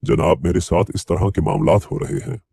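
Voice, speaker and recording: A man's voice: deep voice, steady tone, moderate pace, vocal fry, dark tone, slightly rough, no echo. A man narrating and playing the lead in a dramatized story, worried and pleading.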